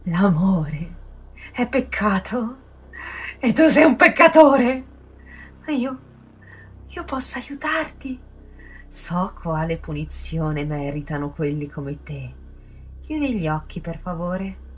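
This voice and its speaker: A woman voicing an unhinged young woman in a horror story, shrill and mocking, swinging from sweet to cruel. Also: big pitch swings, slow, pauses often, slight background noise. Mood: sadistic.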